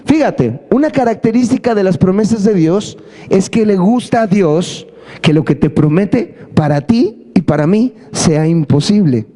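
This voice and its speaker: A man's voice: high-pitched, lively intonation, a little slow, mellow. A man preaching a playful, joking sermon, often asking the congregation for amens. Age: adult. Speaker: pastor. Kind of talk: lively sermon. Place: church service.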